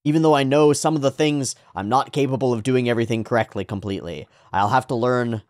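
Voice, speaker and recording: A man's voice: medium pitch, fast talker, a little mellow, dry recording, studio quality, voice pushed up, close to an everyday voice. A man voicing an earnest, determined young anime hero, making solemn, declamatory vows in paraphrase. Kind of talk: paraphrased anime speech in reaction commentary.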